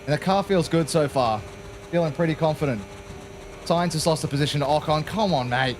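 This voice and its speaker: A man's voice: fairly high pitch, fairly quick, background noise. An Australian man giving casual, jokey gameplay commentary while racing, peppering his talk with "mate". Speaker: gaming channel host.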